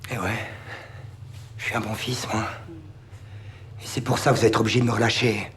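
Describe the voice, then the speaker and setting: A man's voice: fairly low pitch, fairly even intonation, slight background noise, close to an everyday voice. An actor playing a defiant, foul-mouthed young male suspect under questioning in a crime TV drama. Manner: insolent, mocking, quick to shout.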